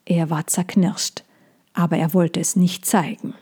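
A woman narrating a children's story in a measured reading voice. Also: fairly low pitch, fairly even intonation, dark tone, breathy edge.

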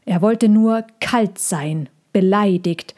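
A woman reading a children's story aloud, gentle and even. She takes her time over each phrase, in a mid-range voice. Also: mid-range voice, takes it slowly. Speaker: narrator.

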